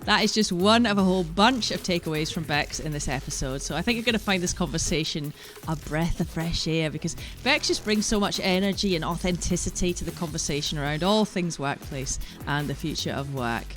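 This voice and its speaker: A woman's voice: fairly low pitch, brisk, fairly bright tone, soft background music. A woman from Shetland with a Shetland Scottish accent, hosting a podcast with introductions and interview questions. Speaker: podcast host.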